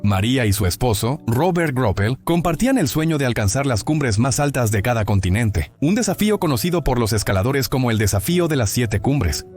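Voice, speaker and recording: A man's voice: mid-range voice, a little mellow. Dramatic male documentary narrator. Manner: dramatic, storytelling delivery.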